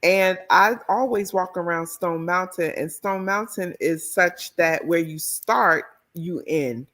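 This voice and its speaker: A middle-aged author and educator from the Washington, D.C. area tells her story in an interview. Her voice is on the low side and slow, and she narrates in an expressive, animated way.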